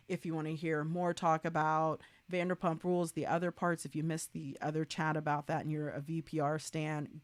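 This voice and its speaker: Chatty woman hosting a solo podcast. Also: sits low. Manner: chatty and animated, with restarts and rants. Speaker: podcast host.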